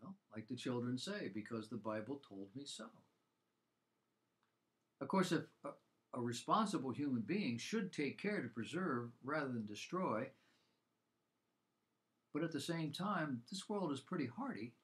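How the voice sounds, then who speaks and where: A man's voice: mid-range voice, lively intonation, moderate pace, fairly bright tone. A man presenting a scripted Bible program, mixing commentary with rhetorical questions and an emphatic delivery.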